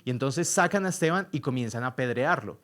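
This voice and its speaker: Male preacher, 30s, mid-pitched, conversational storyteller who asks the congregation rhetorical questions. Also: animated, quick pace. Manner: storytelling, loud and soft by turns. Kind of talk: conversational sermon.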